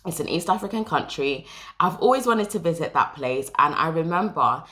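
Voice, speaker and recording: A woman's voice: deep voice, lively intonation, moderate pace, a bit bright. A young woman from Jamaica talking casually to camera as a vlogger, explaining step by step and reading from notes.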